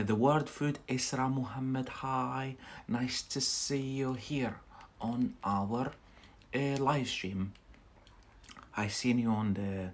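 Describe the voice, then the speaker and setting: A chatty Algerian man, an English teacher hosting a livestream, speaks in a lowish, husky voice with a Scottish-tinged accent; English isn't his first language. His casual lesson rambles along with many fillers and tag questions.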